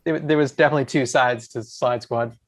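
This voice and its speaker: A man in his forties from the USA, a podcast guest, telling rambling, excited stories in casual chat and acting out his own lines. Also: medium pitch, fairly quick. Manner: excited, rambling, quotes himself.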